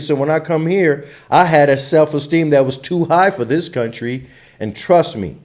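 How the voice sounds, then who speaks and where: A man from Trinidad and Tobago, giving an impassioned, emphatic commentary as a channel host. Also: medium pitch. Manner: impassioned, emphatic, grows louder when fired up. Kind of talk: opinionated commentary monologue.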